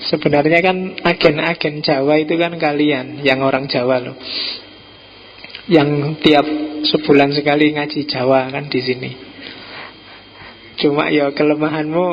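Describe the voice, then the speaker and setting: A man with a Javanese accent lectures on philosophy in a loose, joking way, teasing his listeners as he goes. His voice sits a little high and has a gravelly edge. The recording is dull and lo-fi, with a faint hiss underneath. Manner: chatty and teasing, mixing in Javanese words. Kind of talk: informal lecture to a study group.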